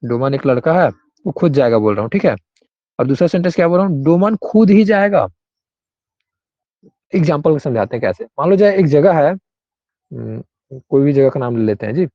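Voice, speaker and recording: A man's voice: mid-range voice, expressive, brisk, dry recording, muffled recording. A male English grammar teacher, explaining rules in an online class and often checking in with students by name.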